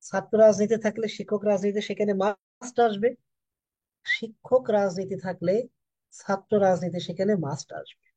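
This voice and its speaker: A soft-spoken man in his thirties from Bangladesh, teaching an online English class for admission coaching. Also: high-pitched, fairly even intonation, normal speed, no room sound, poor audio.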